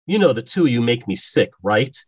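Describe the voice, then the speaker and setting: A man's voice: medium pitch, sing-song, brisk, slightly rough, no echo. A man voicing a young woman who teases her big sister sarcastically. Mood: teasing. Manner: teasing, sarcastic.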